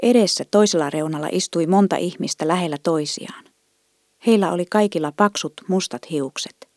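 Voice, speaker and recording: A woman reading a children's story aloud in a gentle, even storytelling manner. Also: lowish voice, no echo, studio quality. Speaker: narrator.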